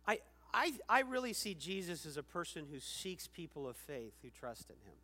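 Man, pastor, sermon, fairly high voice, emphatic, loud and hushed by turns, long hall reverb. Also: big pitch swings, moderate pace.

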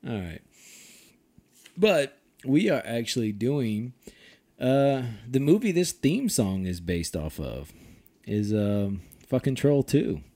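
A man hosts a loose, casual podcast chat. He swears freely and laughs often, and his pitch swings widely from low to high. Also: very animated, slow, mellow. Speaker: podcast host.

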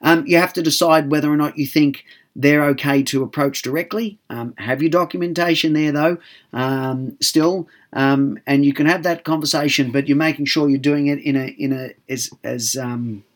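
A man talking as a workplace consultant, giving advice calmly and slowly, with many filler sounds and restarts. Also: mid-range voice. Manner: frequent restarts and repeated words. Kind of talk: advice talk.

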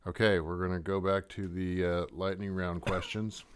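A man's voice: low-pitched, little pitch movement, normal speed, clean tone. A man hosting a casual sports interview, asking chatty, jokey questions. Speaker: interview host.

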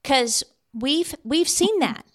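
A woman's voice: sits high, lively intonation, slow pace. A woman co-hosting a casual chat, supportive, with frequent affirmations. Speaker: podcast co-host.

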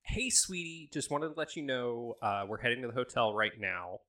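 A man's voice: medium pitch, lively intonation, normal speed, pushed and bright. A man voicing a doting, fussy middle-aged mother who talks in a sweet, chirpy and bossy way.

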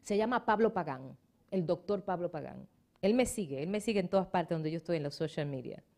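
A woman's voice: fairly low pitch, a little fast. A middle-aged woman pastor, preaching and telling stories with emphasis and dropping in English words. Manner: animated storytelling, emphatic, slips into English words. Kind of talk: sermon.

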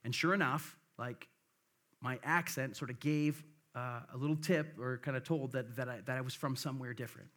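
Delivering his sermon at a moderate pace in a mid-range voice, a middle-aged Midwestern pastor with a slight Southern softening to his accent reads scripture with earnest feeling. He regularly turns to the congregation with a "right?"

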